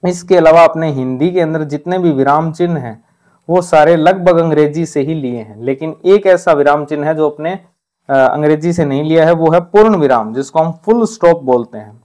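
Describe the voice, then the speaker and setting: A teacher from Rajasthan, with a slightly high, darkish voice at normal speed, gives an exam-prep grammar lesson. He repeats points, drills correct pronunciations against wrong forms, and checks in with "ठीक है" after nearly every point.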